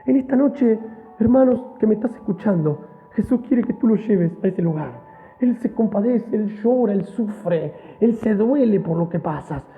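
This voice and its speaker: High-voiced preacher on a tinny line. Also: male voice, lively intonation, normal speed, slightly rough, soft background music. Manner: fervent, repetitive direct address to listeners. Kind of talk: sermon. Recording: tinny phone-like sound.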